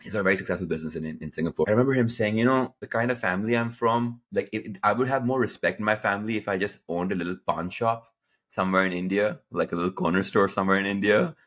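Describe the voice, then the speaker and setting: A man in his late thirties from Pakistan, a guest entrepreneur telling his story in a lively interview, acting out quoted dialogue. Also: quick pace. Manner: animated, acts out quoted dialogue with jumps in pitch.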